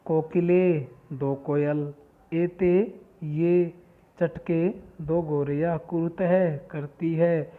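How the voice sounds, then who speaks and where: Slow-spoken male teacher, tinny phone sound. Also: a little high, steady tone. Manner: repeats each word and asks questions back; reads terms slowly one by one. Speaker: school Sanskrit teacher. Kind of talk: lesson explaining word meanings.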